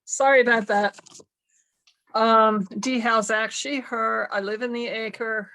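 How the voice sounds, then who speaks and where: A woman with a bright, slightly high voice chats casually in an online meeting, reminiscing in a relaxed conversational style. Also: takes it slowly, low-quality recording. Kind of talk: casual chat.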